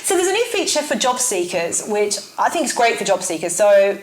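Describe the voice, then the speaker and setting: A woman's voice: mid-range voice, sing-song, fairly quick, echoey room, low-quality recording. A woman co-hosting a casual advice chat, talkative and self-teasing, laughing often and circling back as she explains. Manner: explains in looping restarts. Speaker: co-host.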